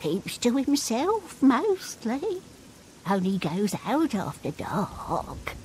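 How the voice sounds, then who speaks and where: A woman's voice: fairly high pitch, wildly swooping pitch, very slow, a little mellow, slight background noise, exaggerated voice. An actress voicing a humble, courteous female beggar in video game dialogue.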